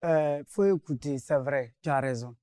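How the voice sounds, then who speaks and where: A man's voice: on the high side, normal speed, a little mellow, clear, resonant tone, no room sound, clean studio sound. Hesitant apologetic man. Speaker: carpenter in a dispute. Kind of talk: defending himself on a mediation show.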